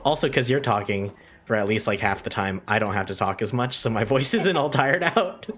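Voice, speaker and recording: A woman's voice: extremely low pitch, expressive, a little fast, breathy edge. A young adult woman streaming a game, chatting casually with a friend, teasing and laughing often. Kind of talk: casual gaming stream chat.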